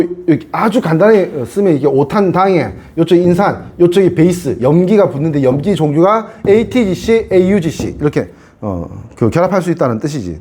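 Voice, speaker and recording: Male science teacher, high and very animated delivery, keeps asking the class if they follow. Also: husky. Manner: chatty, keeps asking students to confirm; repeats and re-explains key points. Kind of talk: classroom lecture.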